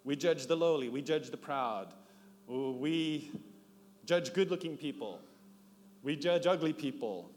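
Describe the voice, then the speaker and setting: Middle-aged pastor preaching in a reverberant hall. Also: male voice, lively intonation, a little slow, a little mellow. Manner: storytelling, acts out dialogue with rising pitch. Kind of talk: sermon. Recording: long reverb, faint background noise.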